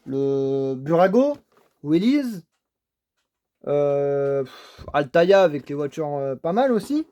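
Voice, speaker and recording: A man with a slightly high voice presents his toy car finds at his desk, praising each one over and over. He stammers, restarts and apologizes for it as he goes. The sound is dry and close, with no room echo. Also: very animated, takes it slowly, long pauses, mellow, highs cut off. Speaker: toy car collector vlogger. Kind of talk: casual unboxing commentary. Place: home desk setup.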